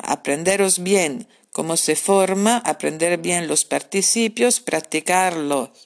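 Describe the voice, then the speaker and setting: A woman's voice: lowish voice, creaky. A woman teaching grammar in a recorded podcast lesson, patiently repeating her points and spelling out examples. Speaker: language teacher.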